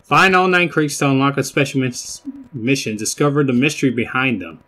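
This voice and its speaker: A man's voice: medium pitch, fairly quick, bright, forceful tone. A young man giving casual, rambling gameplay commentary, often repeating his phrases. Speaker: gamer, video host. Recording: game music under the voice.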